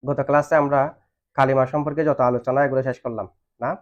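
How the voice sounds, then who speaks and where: A man teaches Arabic grammar in a classroom, his mid-range voice flat and fast on a dull lo-fi recording. He asks questions and waits for students to answer back.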